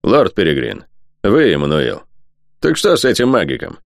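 A man voicing a courteous, fair-minded older duke speaking in a measured way in an audiobook. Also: low-pitched, huge pitch swings, creaky, no room sound, clean studio sound, exaggerated voice.

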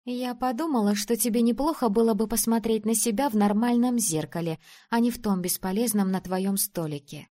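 A woman's voice: fairly high pitch, fairly quick, mellow, lightly acted. Woman reading as a bold, bossy young friend. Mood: mischievous. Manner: teasing, bossy. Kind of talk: audiobook character voice.

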